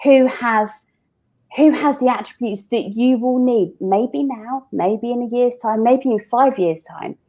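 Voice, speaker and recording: A woman's voice: fairly high pitch, unhurried, warm tone. Chatty woman guest with lots of restarts. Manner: chatty, many restarts, explains through everyday examples. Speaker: recruitment founder, interview guest. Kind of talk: casual podcast interview.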